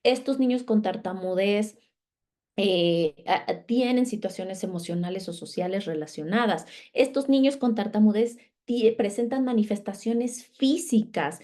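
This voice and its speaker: A woman's voice: medium pitch, measured pace, dark tone. A woman speech therapist giving a conference lecture, explaining patiently and often checking in with her listeners.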